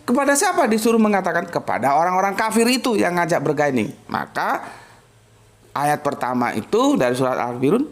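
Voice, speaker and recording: A man teaches religion in a relaxed way. His pitch leaps up and down as he stresses points, asks rhetorical questions and gives spoken examples. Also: fairly quick. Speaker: Islamic teacher. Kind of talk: casual religious lesson.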